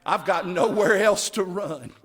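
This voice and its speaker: A camp meeting sermon comes from a man whose high voice moves a little slowly. He preaches dramatically, going from hushed phrases to loud cries and repeating short phrases for emphasis.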